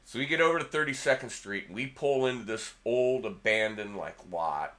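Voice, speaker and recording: A man's voice: fairly low pitch, animated, normal speed, a bit bright. A middle-aged man, host of a guitar channel, casually telling rambling anecdotes to the camera and repeating himself as he goes.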